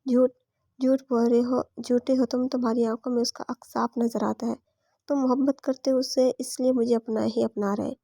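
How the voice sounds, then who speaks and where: Casting: a woman reading a tearful jealous young woman, high even voice. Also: moderate pace, dry recording, clean studio sound. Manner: read plainly in the narrator's voice.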